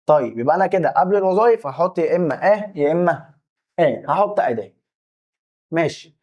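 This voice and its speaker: A man's voice: fairly high pitch, expressive, fast talker, darkish tone, dull audio. A young man with an Egyptian Arabic accent, explaining an English lesson casually and acting out both sides of imagined student questions. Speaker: English teacher.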